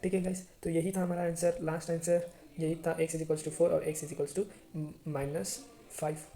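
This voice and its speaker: A man's voice: a little high, flat delivery, unhurried, gravelly, dark tone. A man teaching a math lesson to students, chatty and often checking if they understand.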